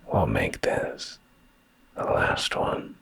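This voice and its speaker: Very slowly, a man murmurs bedtime stories for an ASMR stream in an intimate boyfriend manner. His deep, breathy, gravelly voice stays soft and calming, frequently becoming a whisper right by the microphone.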